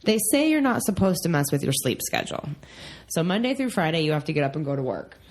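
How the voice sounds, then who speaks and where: A woman's voice: deep voice, big pitch swings, quick pace. A woman in her thirties co-hosting a casual relationship podcast from home, chatty and rambling with frequent ums. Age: 30s. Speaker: podcast co-host.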